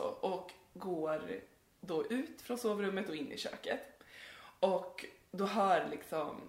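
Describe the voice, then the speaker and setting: A woman's voice: mid-range voice, reverberant. A woman co-hosting a podcast, telling a spooky story in a rambling, giggly way with many fillers. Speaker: podcast co-host.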